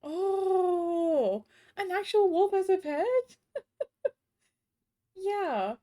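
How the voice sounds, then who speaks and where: A woman's voice: extremely high pitch, animated, drawn-out words, dark tone. A woman giving casual live reaction commentary, exclamatory and giggly, as a livestreamer. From Alaska, United States. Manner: exclamatory, giggly, full of interjections.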